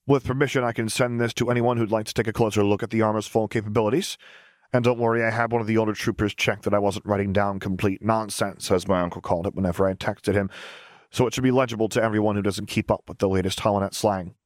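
A man's voice: on the low side, little pitch movement, fast, no room sound, studio quality, lightly acted. A man voicing a cheerful, boyish young male engineer who talks in an upbeat, earnest way.

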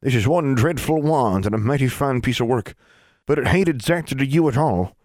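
A man voices a shrewd old country woman who makes wands, speaking in folksy dialect at normal speed with a measured mood. His natural-sounding voice is mid-range but pitched above his own, with lively intonation and a darkish tone, recorded as clean studio sound with no echo.

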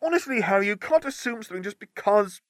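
A man voicing an exasperated, clever teenage witch in a storybook reading, in a high, breathy, sharp voice. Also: lively intonation, fast, no echo, studio quality. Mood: probing.

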